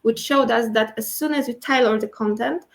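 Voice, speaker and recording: Higher-voiced woman talking with braces. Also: moderate pace, creaky. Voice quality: speaking with dental braces, slightly impeded articulation. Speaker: guest speaker, internal communications and IT professional. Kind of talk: explanatory interview answers.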